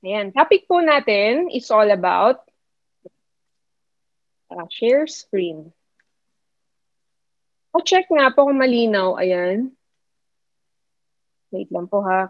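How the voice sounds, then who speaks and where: A woman's voice: medium pitch, lively intonation, slow, long pauses, dry recording. Woman, Filipino accent, motivational mentor, switches into English, keeps asking questions, dull-sounding computer mic. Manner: repetitive, questioning the audience; mixes English into Tagalog. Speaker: network marketing mentor. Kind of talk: online motivational talk.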